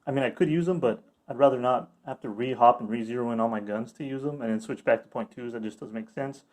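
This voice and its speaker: A young man with an average-pitched voice talks to the camera in a casual review style. He is informal and slangy, with an enthusiastic manner, like a hobbyist vlogger speaking off the cuff. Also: fast, a little mellow. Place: backyard outdoors, later a room indoors.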